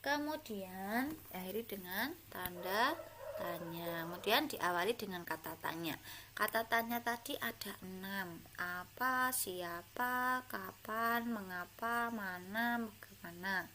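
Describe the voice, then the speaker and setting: A woman's voice: mid-range voice, slow, pushed and bright, a little hiss or hum. A woman with an Indonesian accent teaching a primary school class, patiently working through many examples. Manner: patient, talks to pupils with many examples and fillers. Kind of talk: slow classroom explanation.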